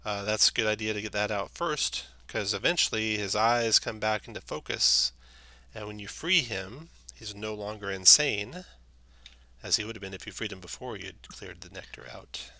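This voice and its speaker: Bright, gravelly low-voiced male game master. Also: moderate pace, dry recording. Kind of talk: narrating and refereeing a tabletop game.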